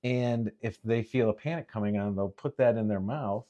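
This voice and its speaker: A man, a therapist co-hosting a podcast, chatting casually and acting out panicked and calming self-talk. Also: fairly low pitch, moderate pace, dull audio. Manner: animated storyteller, acts out panicked and calm self-talk. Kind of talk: casual chat.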